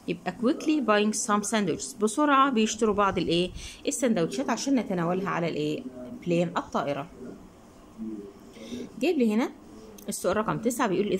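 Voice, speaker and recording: A woman with an Egyptian Arabic accent explains an English textbook lesson. She asks questions and answers them herself, and she reads the English words slowly before explaining them quickly. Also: mid-range voice, low-quality recording. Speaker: English teacher.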